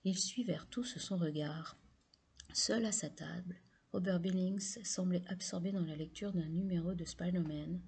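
A woman narrating a novel in a steady, measured reading voice. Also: fairly low pitch, breathy edge. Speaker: audiobook narrator.

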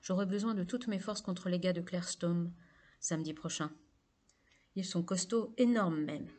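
A woman's voice: lowish voice, moderate pace, a little mellow, lightly acted. A woman voicing an earnest, matter-of-fact teenage boy who plays football, in a storybook reading. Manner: matter-of-fact, slightly defensive.

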